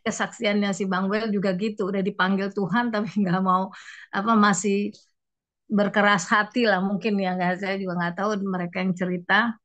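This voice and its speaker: A woman's voice: medium pitch, level tone, moderate pace, a bit bright, dull audio. An older woman sharing a rambling, emotional church testimony in casual speech, often quoting others. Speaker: church member giving testimony.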